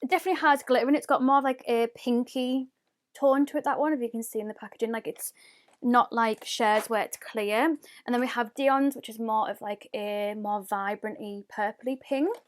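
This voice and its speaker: A woman's voice: on the high side, fairly even intonation, brisk. Bubbly woman gushing over makeup. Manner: bubbly, gushing, laughs often. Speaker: beauty vlogger. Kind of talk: casual product review.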